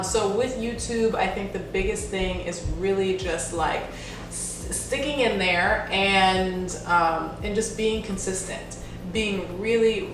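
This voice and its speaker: A friendly woman in her twenties from Jamaica answers viewer questions in a loose, rambling way, full of "um" and "like". Her voice sits a little low. It rings around a very echoey room with the mic set back from her, and a steady rumble of noise runs underneath. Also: distant mic. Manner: chatty, friendly, with frequent "um" and "like". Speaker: beauty YouTuber. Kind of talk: casual Q&A vlog. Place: home in New Jersey.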